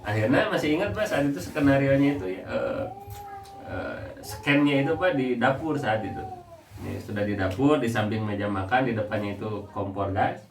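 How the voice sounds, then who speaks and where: Speaking at a moderate pace in a mid-range voice, a young Sundanese-accented Indonesian preacher gives his congregation a religious talk on family life. He's animated and comic, drawing on personal stories. The hall echoes, the mic is distant, and background noise is present.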